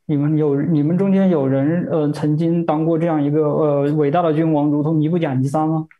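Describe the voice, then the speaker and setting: A man's voice: fairly high pitch, little pitch movement, brisk, phone-quality sound. A man interpreting a sermon phrase by phrase, hesitant, with many fillers and repeated words.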